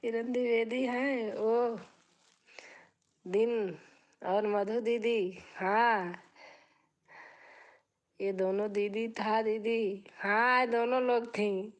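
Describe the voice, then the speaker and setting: A woman hosting a live stream, chatting casually with her viewers in a chatty, drawn-out, unhurried way. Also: a little high, fairly even intonation.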